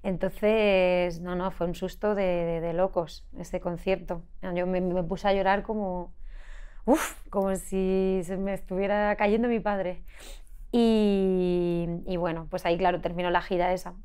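A young woman from Spain, a singer being interviewed on a podcast, telling stories in an animated, laughing way. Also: lowish voice, a little slow, smooth. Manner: animated storytelling with frequent laughter. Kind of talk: casual interview chat.

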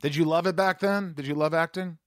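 A man from Indiana, an actor interviewing a fellow actor in a quick, chatty, joking way. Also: a little high, fairly even intonation, no room sound, clean studio sound. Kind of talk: casual interview conversation.

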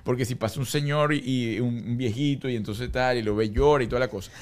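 A man chatting as a guest on a podcast, animated and teasing, often acting out the voices of people in his stories. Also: mid-range voice, quick pace. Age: adult, mother seventeen years older. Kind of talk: casual chat.

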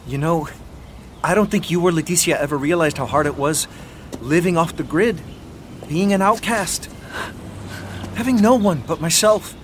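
Man acting a high-voiced, pleading lonely outcast. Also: slight background noise, lightly acted. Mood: guilty. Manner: pleading, emotional, halting. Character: lonely, bitter male outcast betraying his old friend. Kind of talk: audio drama acting.

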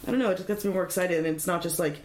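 Animated young woman comedian telling stories. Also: on the low side, racing, roomy sound, a little hiss or hum. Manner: animated storyteller, laughs often. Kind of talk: casual podcast chat.

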